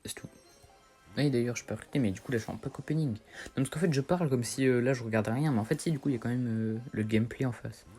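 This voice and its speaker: A man's voice: mid-range voice, fast talker, dark tone, soft background music. A teenage boy chatting casually over his gameplay, rambling in slang and correcting himself as he goes. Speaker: gaming streamer.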